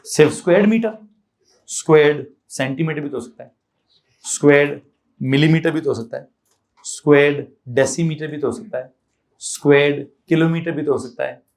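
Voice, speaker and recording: High-voiced Pakistani man teaching physics. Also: fairly quick, darkish tone. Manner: questioning students, repeating answers, mixing English terms. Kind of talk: classroom lecture. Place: classroom.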